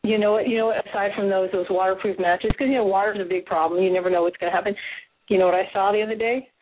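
A woman co-hosting a casual chat in an excitable, slangy way with a husky voice. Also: mid-range voice, very fast, slight background noise. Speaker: co-host. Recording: narrow phone-like sound.

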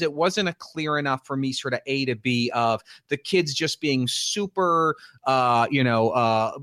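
A man's voice: medium pitch, fairly bright tone, no echo, clean studio sound. Enthusiastic rambling podcast man. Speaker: podcast co-host. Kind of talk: casual recap chat.

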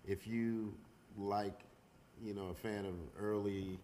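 A man, a hip hop artist being interviewed, talking casually with many fillers and pauses. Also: fairly low pitch, slight background noise. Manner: relaxed, hesitant with many fillers.

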